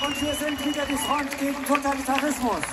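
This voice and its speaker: A man renders a speaker's words at an outdoor protest, brisk and paraphrasing. His voice is pitched very high for a man. Crowd murmur and urban noise fill the open-air sound. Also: fairly even intonation. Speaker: interpreter. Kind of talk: consecutive interpretation at a rally. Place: outdoor street rally.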